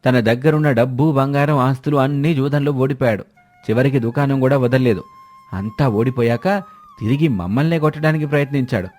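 A man's voice: medium pitch, brisk, a little mellow, natural voice. A man doing an angry village creditor. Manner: scolding, demanding. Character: angry village man demanding money back.

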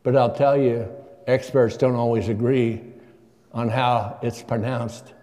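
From the pulpit, an older guest preacher poses questions to the congregation in a conversational way. His medium-pitched voice is steady, a little slow and dark in tone, and the church adds long reverb.

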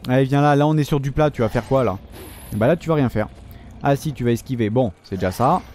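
A young man giving joking, foul-mouthed commentary while playing a video game, often shouting at enemies. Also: medium pitch, quick pace, slight background noise. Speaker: gaming video host. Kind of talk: casual let's-play commentary.

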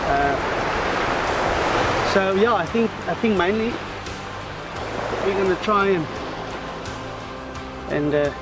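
A man's voice: sits high, low-quality recording. A man from Namibia, a competing angler, talking plainly in a casual beach interview with many fillers. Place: outdoors on a beach. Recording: outdoor beach audio under loud music.

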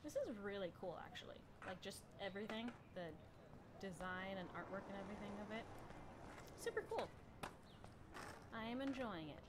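A woman's voice: mid-range voice, lively intonation, quick pace. A woman giving casual let's-play commentary, with wry, blunt reactions to the game. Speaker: gaming streamer. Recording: noisy commentary over game audio.

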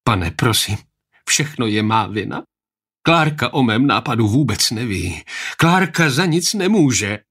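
A man's voice: fairly low pitch, a bit bright, husky. A man reading an audiobook, voicing a frightened young male servant who pleads in a shaky voice. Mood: desperate.

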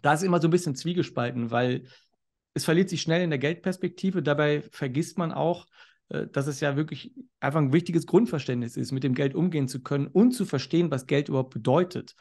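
A man with a somewhat high, gravelly voice talks as a podcast guest. He explains money matters in an animated way and now and then speeds up and gets louder. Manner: animated, sometimes fast and loud. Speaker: podcast guest, finance educator. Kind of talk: casual podcast conversation.

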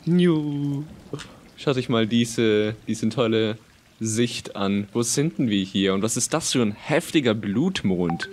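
A man giving playful commentary on a game he is playing, goofy and jumping into squeaky high outbursts. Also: a little slow. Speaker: let's play gamer.

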